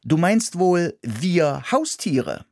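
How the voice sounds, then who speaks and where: A man voicing a stubborn, cheeky male city mouse who talks in a high, snappy way. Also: big pitch swings, extremely slow, gravelly, darkish tone, no echo, studio quality, full character voice. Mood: dismissive. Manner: squeaky, defiant, snappy.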